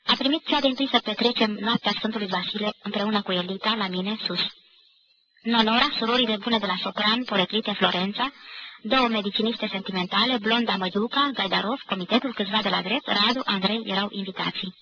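A woman reading a literary novel aloud in a measured, clear manner, on an old radio archive recording. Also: mid-range voice, bright, forceful tone, dull audio. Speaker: audiobook reader.

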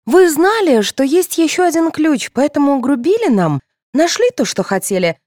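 A woman voicing an impatient teenage girl contestant in an audiobook, nervous and high-pitched. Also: sing-song, normal speed, a little mellow, no room sound, clean studio sound. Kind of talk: audiobook character voice.

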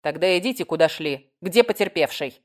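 Woman reading a gruff, impatient police sergeant. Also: lowish voice, lively intonation, a little fast, close to an everyday voice. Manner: barking, impatient.

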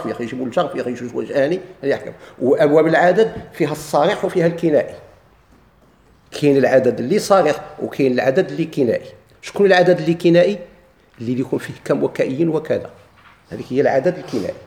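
A man's voice: medium pitch, darkish tone, echoey room. A man with a Moroccan Arabic accent teaching a grammar lesson. He keeps posing questions and answering them himself.

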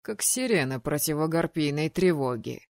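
A woman voicing a young male high mage who is ironic and easily flustered, in an audiobook. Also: normal speed, a little mellow, dry recording, clean studio sound, natural voice. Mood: admiring. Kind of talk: audiobook narration.

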